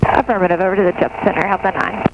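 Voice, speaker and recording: A woman flying a medical helicopter, heard over aircraft radio, giving brisk, clipped readbacks. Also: mid-range voice, fairly even intonation. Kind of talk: radio phraseology. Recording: muffled radio under loud noise.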